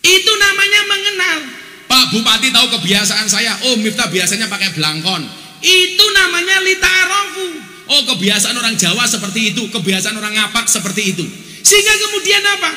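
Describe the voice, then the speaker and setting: Animated Javanese preacher in an echoey hall. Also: male voice, extremely high pitch, brisk. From Java, Indonesia. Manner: jokey, switches into local dialect for punchlines. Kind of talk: lively humorous sermon to a crowd.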